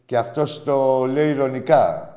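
A man hosting a call-in show, talking bluntly with plenty of swearing, jumping between loud outbursts and low muttering. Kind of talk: casual call-in banter.

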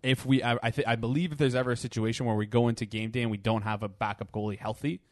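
A man's voice: mid-range voice, steady tone, fast talker, darkish tone, dry recording. A man co-hosting a casual sports podcast, talking in a hesitant, laid-back way. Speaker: podcast co-host.

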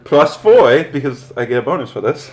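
A man playing in a tabletop game, excitable and rambling as he plans his moves. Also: medium pitch, moderate pace. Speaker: player. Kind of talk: tabletop role-play, casual chat.

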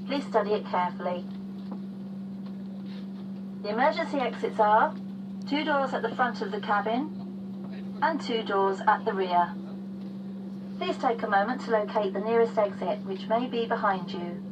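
A woman's voice: mid-range voice, lively intonation, unhurried, long pauses. A woman speaking as a flight attendant, formally reading scripted safety instructions to passengers. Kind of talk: scripted airline safety announcement. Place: aircraft cabin. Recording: distant cabin PA with clear hum.

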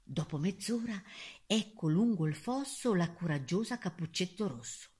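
A woman's voice: lowish voice, lively intonation, normal speed, a little mellow, breathy edge, soft background music. A woman reading a rhyming fairy tale aloud, playful and theatrical. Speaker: storyteller.

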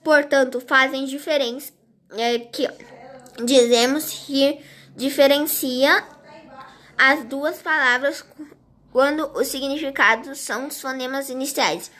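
Woman, lesson reading, high voice, slow, halting with restarts. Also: steady tone, fairly bright tone. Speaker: teacher. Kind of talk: reading a grammar lesson aloud.

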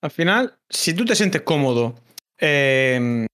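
A man with a Murcian Spanish accent talks over a video call in a relaxed, easygoing way. His voice sits a little high, and he swears freely and trips over his restarts as he goes. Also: slow. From Murcia, Spain. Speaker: streamer guest. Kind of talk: casual chat.

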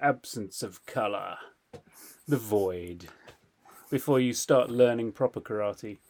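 A man co-hosting a podcast, telling a story in casual chat, animated and laughing often. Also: lowish voice, takes it slowly. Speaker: podcast co-host.

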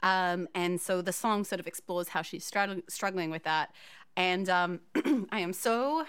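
A woman who co-wrote and sings in a musical, talking softly and haltingly with many "um"s. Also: lowish voice, smooth. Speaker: co-writer and singer of a musical. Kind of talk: casual chat.

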